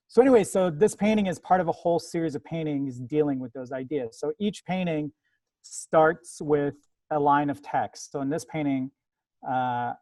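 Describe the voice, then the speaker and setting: A man's voice: on the high side, darkish tone, no room sound. A man who grew up in the United States, talking as an artist being interviewed in a casual, rambling way with many fillers and restarts. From born in Iran, grew up in America.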